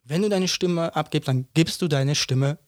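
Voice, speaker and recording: With a fairly high, darkish voice at a moderate pace, a man in his thirties co-hosts a podcast. His casual talk is blunt and forceful, packed with rhetorical questions and "ne?" tags, and the sound is dry and studio quality.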